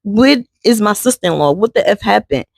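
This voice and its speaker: A woman voicing her angry aunt demanding answers in a raised, gravelly voice. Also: mid-range voice, animated, a little fast, no echo, studio quality, voice pushed up. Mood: outraged.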